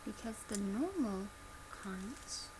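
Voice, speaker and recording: Speaking softly and quietly, a woman in her twenties presents a gentle, instructional ASMR product demo in the role of a customer service presenter. Her mid-range voice is expressive, and she takes things slowly. The noisy amateur webcam audio, recorded in a small bedroom at home, has clear background noise.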